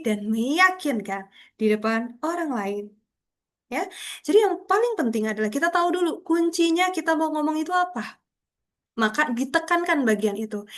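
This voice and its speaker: A young woman lecturing a public speaking class over a video call, explaining patiently with frequent tag questions. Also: high-pitched. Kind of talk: online class instruction.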